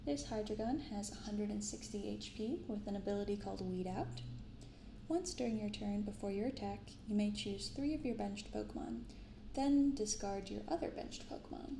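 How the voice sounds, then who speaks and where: A young woman who hosts a card-opening channel speaks softly in ASMR style, unhurried and hushed as she comments and reads from cards into a binaural microphone. Her mid-range voice has vocal fry. The sound is reverberant with slight background noise.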